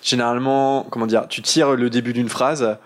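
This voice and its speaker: A man's voice: mid-range voice, fairly even intonation, moderate pace. A young man co-hosting a casual podcast, explaining things hesitantly with lots of fillers. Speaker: podcast co-host.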